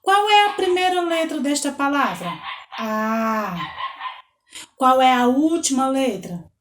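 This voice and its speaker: Woman, Brazilian Portuguese accent, children's lesson, slow and patient, fairly high voice, echoey room. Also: lively intonation, slight background noise. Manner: slow, patient, spelling out letters and counting aloud. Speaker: teacher.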